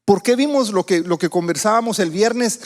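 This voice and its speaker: A man's voice: high voice, normal speed, big-room sound. A man from Guatemala preaching a sermon as a visiting speaker, talking conversationally and putting questions to the congregation. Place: church sanctuary.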